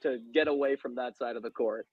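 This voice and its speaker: A man's voice: mid-range voice, a little fast, slightly rough, no room sound, narrow, tinny audio. A young man co-hosting, chiming in casually with extra context and a laugh. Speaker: co-host, former teammate. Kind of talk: casual chat.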